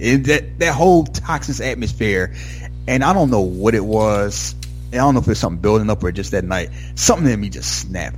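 A man, married, telling a story in candid casual chat, animated and swearing freely. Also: on the low side.

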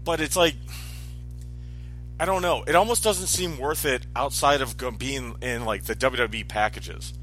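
Forties male co-host, bright tense tone, chatty and rambling. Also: medium pitch, normal speed, soft background music, low-quality recording. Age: 40s. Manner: chatty, rambling, self-correcting. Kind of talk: casual chat.

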